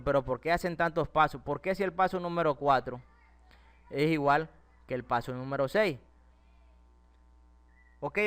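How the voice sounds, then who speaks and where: A man's voice: on the high side, a bit bright, clear, resonant tone. A man with Spanish as his first language, explaining English grammar step by step and asking his students questions as he goes. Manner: explains step by step, asks the class rhetorical questions. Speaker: English teacher. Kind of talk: classroom-style grammar lesson.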